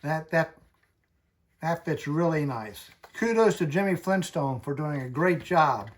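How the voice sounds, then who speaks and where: Slow-talking man, casual hobby vlogger. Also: fairly high pitch, lively intonation. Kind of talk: casual hobby tutorial vlog.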